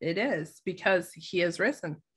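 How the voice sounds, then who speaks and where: A woman leads a relaxed church Bible study, her voice stuffed up and nasal from a cold. She sits a little low in pitch and stays cheerful, laughing easily between readings and prayer. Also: a little slow, husky. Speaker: church ministry director hosting a Bible study.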